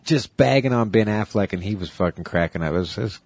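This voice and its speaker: A man's voice: on the low side, expressive, quick pace, a little mellow, no room sound. A man hosting a podcast, chatting casually in a loose, rambling way with some swearing. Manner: loose, profane, rambling banter. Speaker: podcast host. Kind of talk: casual chat.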